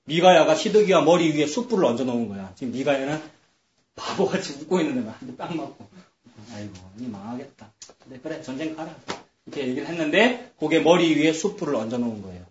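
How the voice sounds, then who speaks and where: Man, pastor, slightly high voice, chatty sermon, acts out characters, dull lo-fi sound, echoey church. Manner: conversational, acts out voices of biblical figures.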